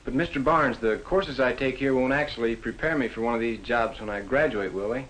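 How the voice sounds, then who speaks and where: An actor playing an earnest, polite teenage schoolboy in scripted 1950s educational film dialogue. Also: male voice, medium pitch, brisk, a bit bright, close to an everyday voice. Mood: questioning. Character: eager, polite teenage schoolboy Joe in shop class. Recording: echoey, noisy 1950s film soundtrack.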